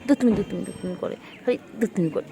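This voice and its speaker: A woman's voice: mid-range voice, racing, creaky, dark tone. Woman cooing baby talk to her cat. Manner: singsong, repetitive, coaxing. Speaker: pet vlogger.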